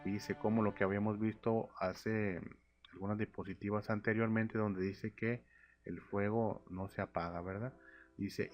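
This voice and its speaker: A man teaching a narrated Bible slideshow lesson, reading verses aloud and then explaining them with fillers and restarts. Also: lowish voice. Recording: lo-fi audio with faint music. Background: faint instrumental music.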